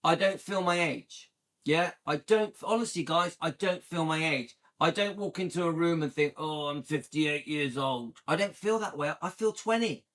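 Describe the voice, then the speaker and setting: A UK man in his late fifties hosts a livestream, chatting casually and enthusiastically with viewers and often checking in with "yeah?". His voice is a little high and a bit bright, at a moderate pace.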